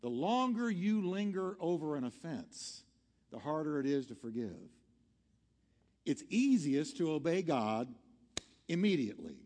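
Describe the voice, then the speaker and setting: A pastor preaches a sermon ending in an altar call, earnest and exhorting, hammering points home in short, emphatic, repeated phrases. His voice is on the high side, very animated, unhurried and a little mellow. Long hall reverb and music sit behind him.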